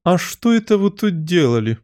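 A man reading a storybook aloud, voicing a furious, tyrannical queen who screams orders in a shrill voice. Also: big pitch swings, moderate pace, darkish tone. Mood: furious commanding.

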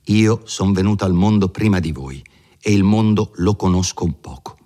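A man's voice: deep voice, normal speed, mellow, natural voice. A man reading the part of an older village mother, anxious and practical, giving homely, chatty advice full of folk sayings, in an audiobook of a classic novel. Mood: coaxing.

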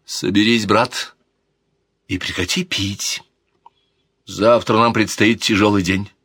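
A man's voice: fairly low pitch, steady tone, slow pace, fairly bright tone, husky, no room sound, full character voice. A man voicing a stern, proud princess who speaks in a cold, icy and commanding way. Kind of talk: audiobook character voice.

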